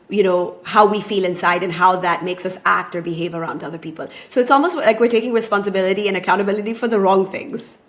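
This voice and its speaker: A woman in her thirties, raised abroad, speaking as a podcast guest and relationship coach in a thoughtful, measured way. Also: lowish voice. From born in Taiwan, raised in Japan. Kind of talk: conversational podcast interview.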